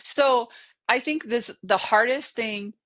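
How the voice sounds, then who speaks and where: A woman's voice: a little high, slow, fairly bright tone. A woman in her sixties co-hosting a casual podcast chat, teasing and motherly, often laughing. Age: 60s. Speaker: podcast co-host.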